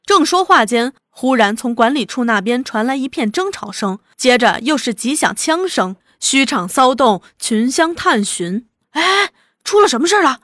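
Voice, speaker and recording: Bright-voiced woman narrating a story. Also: a little high, expressive, unhurried, hardly any pauses, no room sound, studio quality. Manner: voices each character in turn. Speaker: audiobook narrator.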